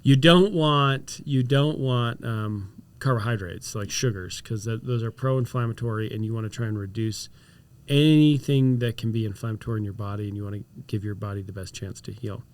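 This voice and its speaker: A man's voice: on the low side, moderate pace, hardly any pauses. A man, a chiropractor, chatting casually on a health podcast, explaining remedies and telling stories. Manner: storytelling, mixes explanation with animated reenacted quotes.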